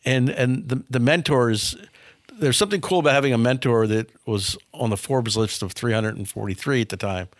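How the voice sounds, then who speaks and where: A man in his fifties speaks plainly as an interview guest, telling business stories in a frank, casual way. He often repeats words as he starts his sentences. His voice sits at a middle pitch, and the recording is dry and close. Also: normal speed, no room sound. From small town near Milwaukee, US. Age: 50s.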